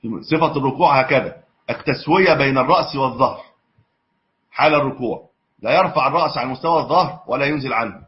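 A man's voice: mid-range voice, quick pace. A man teaching a religious lesson on hadith, mixing classical with colloquial asides and correcting himself as he goes. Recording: dull lo-fi lesson recording.

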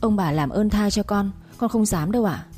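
A woman voicing a frightened young wife who pleads and weeps in a higher voice. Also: normal speed, warm tone, faint music behind, lightly acted. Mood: sobbing.

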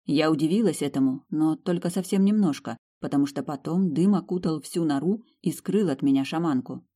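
A woman reads a fantasy novel aloud in the first person. Her voice is low and mellow, and her storytelling is emotional and intimate. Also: a little fast, slightly rough. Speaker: audiobook narrator. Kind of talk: first-person audiobook narration.

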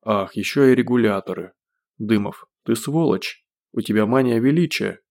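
A domineering, hot-tempered man with a low, gruff voice, as the audiobook narrator plays him. He barks and growls his lines with force. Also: moderate pace, darkish tone. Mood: angry.

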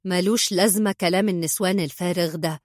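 A woman voicing a calm, commanding middle-aged man who speaks low, flat and curt. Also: fast, no room sound, clean studio sound, lightly acted. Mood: cool.

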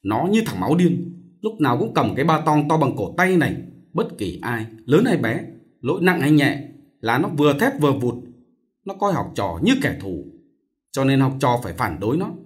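A man's voice: medium pitch, sing-song, normal speed, pitched above the performer's own voice, close to an everyday voice. A man voicing an earnest young male student who explains things to his sister.

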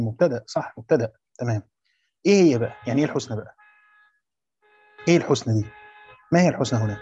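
A man's voice: on the high side, dark tone, husky, no room sound. A man with an Egyptian accent teaching a lesson on Quranic commentary, explaining step by step, repeating phrases and quizzing his students. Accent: Egyptian Arabic. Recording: muffled, dry lo-fi recording.

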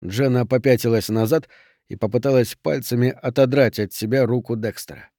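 A man narrating an audiobook in an even, measured way. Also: medium pitch, no echo, clean studio sound.

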